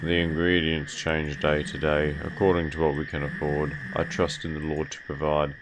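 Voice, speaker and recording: A man voicing an elderly, doting but sinister nun who runs an orphanage, in a faint, slow, drawn-out old lady voice. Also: extremely low pitch, level tone, noisy background. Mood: folksy, pious.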